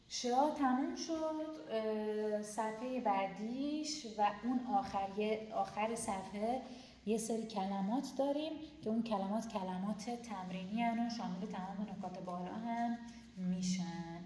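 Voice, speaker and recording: A woman teaching a pronunciation lesson who explains each rule, then slowly sounds out example words, with quick asides about running short on time. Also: medium pitch, warm tone, a little hiss or hum. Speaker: German language teacher. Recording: roomy echo.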